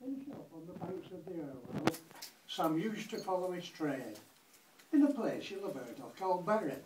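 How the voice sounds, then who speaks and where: A man's voice: high voice, lively intonation, normal speed. A man in his eighties with a Lancashire accent reciting a comic verse monologue in a rhythmic, dry delivery. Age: 80s. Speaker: grandfather reciting. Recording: echoey room, distant mic, faint noise.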